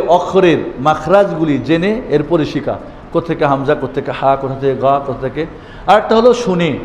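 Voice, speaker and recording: Male Quran teacher, a bit high-pitched, chants letters for repetition, echoey hall. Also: slight background noise. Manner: chants Arabic letter names loudly for repetition. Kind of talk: Quran recitation lesson. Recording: echoey hall with faint ambience.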